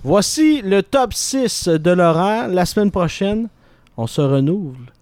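A man hosting a radio show, brisk and friendly as he wraps up interviews and introduces segments. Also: high voice, animated, darkish tone, no room sound. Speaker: radio host.

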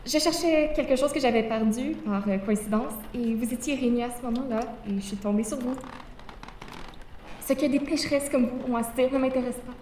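A woman's voice: on the high side, brisk, a little mellow, a little hiss or hum, lightly acted. A woman playing a prim, pious boarding-school girl. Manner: pleading, self-righteous, stammering. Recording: roomy, distant mic.

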